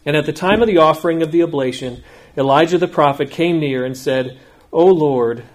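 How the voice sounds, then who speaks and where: A man preaching in a church, reading scripture aloud with slow, emphatic phrasing and then speaking to the congregation. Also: a little high. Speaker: pastor.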